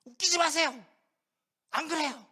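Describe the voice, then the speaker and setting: A man's voice: very high voice, steady tone, normal speed, sharp tone, pitched above the performer's own voice. A man putting on a brash, boastful young disciple.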